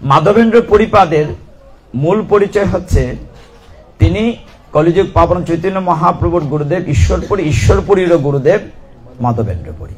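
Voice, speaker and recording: A man with a somewhat high voice preaches a devotional sermon, telling a sacred story in an unhurried storytelling way. He stops often to ask the listeners questions and breaks into chanting. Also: lively intonation. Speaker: Gita reciter and preacher. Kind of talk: devotional scripture reading and storytelling.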